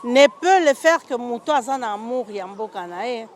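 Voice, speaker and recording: A woman's voice: fairly high pitch, lively intonation, normal speed. A Congolese woman hosting a talk show interview, switching between French and Lingala as she asks questions. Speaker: host.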